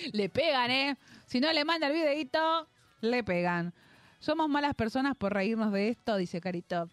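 A woman's voice: fairly high pitch, normal speed, dry recording, faint music behind. A woman radio host, playful and laughing as she introduces clips. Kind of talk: casual radio chat. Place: radio studio.

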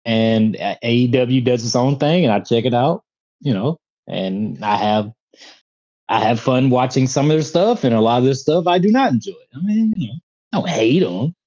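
A man's voice: mid-range voice, expressive, moderate pace, darkish tone. A man co-hosting a wrestling podcast in laid-back casual chat, wry and often laughing. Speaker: podcast co-host. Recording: slightly dull lo-fi mic.

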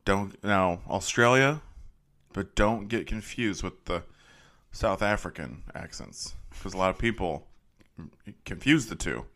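Low-voiced dude on a movie podcast, laid back, cracking jokes. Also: male voice, a little slow, a bit bright. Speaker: podcast co-host. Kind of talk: casual movie podcast chat.

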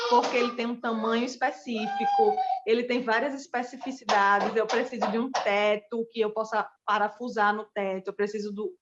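A woman's voice: fairly high pitch, highs cut off, slight background noise. A woman who teaches pole dance and runs a small business, telling her personal story earnestly and speaking straight to her listeners. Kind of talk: personal testimony.

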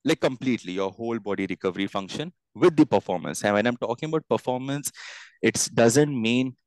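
A man's voice: mid-range voice, expressive, a little fast, a little mellow, dry recording, rough recording. A man with an Indian accent giving earnest, emphatic conversational answers as an interview guest, often repeating phrases for stress. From India, grew up in Bangalore and Bombay. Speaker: fitness entrepreneur and coach, interview guest.

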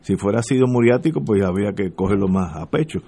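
An older radio talk show host with a Puerto Rican accent conducts an interview, joking, rambling and laughing often. His voice is fairly low and dark, fast, with lively intonation. The audio is slightly rough.

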